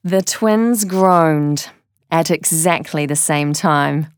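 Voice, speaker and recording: Woman narrator, children's read-aloud, unhurried and deliberate, dry close mic. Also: low-pitched, smooth, dry recording. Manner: slow, deliberate storytelling.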